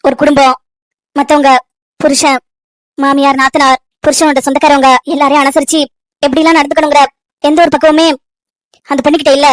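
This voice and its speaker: A self-righteous elder sister lectures at length in a high, quick voice, voiced by a woman for a cartoon story. She sounds dry and close to the mic. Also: little pitch movement, dry recording. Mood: lecturing. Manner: lecturing, persuasive.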